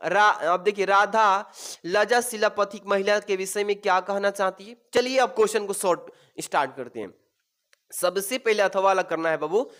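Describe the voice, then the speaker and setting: A man's voice: high voice, fairly bright tone. A man teaching an exam-prep lesson, calling his students "babu" and repeating each question to reassure them.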